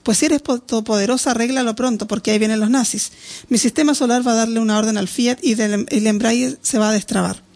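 A woman's voice: fairly high pitch, steady tone, fast, a little mellow, lightly acted. A woman voicing an exasperated female friend driving, sounding fed up and pleading in a storybook reading.

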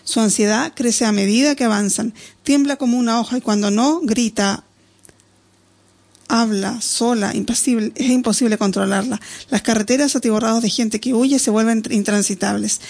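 A woman narrates an audiobook in a steady, descriptive manner. Her voice carries a gravelly, creaky texture throughout. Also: fairly high pitch, normal speed.

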